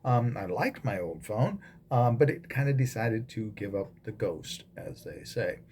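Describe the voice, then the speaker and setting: A man's voice: lowish voice, very animated, unhurried, a little mellow, slight background noise. A man, a pastor, giving a casual devotional talk with frequent ums and restarts, recorded as a phone video.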